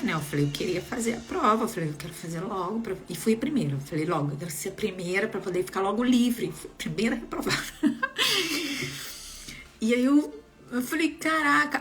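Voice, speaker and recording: Animated woman telling a story. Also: medium pitch. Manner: animated, expressive, laughs while telling. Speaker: vlogger sharing a personal story. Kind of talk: casual storytelling to viewers.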